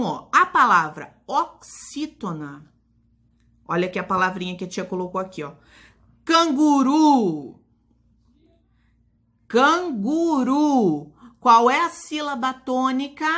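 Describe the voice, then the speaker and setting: A woman with a Brazilian Portuguese accent, teaching a recorded lesson for young children and slowly drawing out stressed syllables. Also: on the high side, very animated, pushed and bright. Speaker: primary school teacher.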